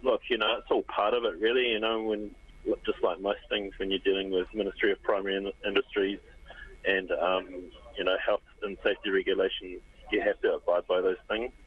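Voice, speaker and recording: A man's voice: deep voice, little pitch movement, brisk. A man, a cafe owner, speaking in an easygoing, rambling way with many fillers. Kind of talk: casual interview clip. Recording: phone-like husky audio.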